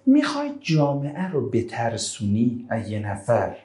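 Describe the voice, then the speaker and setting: Male religious teacher, classroom Quran lesson, middling pitch, slow verse recitation, rapid-fire questions to the class, brushes off wrong answers. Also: huge pitch swings, warm tone. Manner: quizzes students again and again, brushing off answers; recites Arabic verses slowly, then glosses them in colloquial speech.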